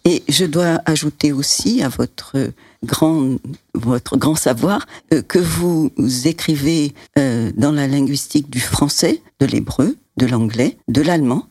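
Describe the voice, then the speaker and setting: A man interviewing an author on a book program, speaking in a measured way with many hesitations. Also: on the high side, darkish tone, slightly rough, no room sound, clean studio sound. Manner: measured, hesitant with frequent fillers.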